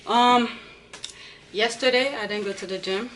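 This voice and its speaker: A woman's voice: a little high, unhurried, a bit bright, a little hiss or hum. A woman in her thirties chatting casually in a diary vlog about her day with her kids, rambling and correcting herself as she goes. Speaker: vlogger and mother.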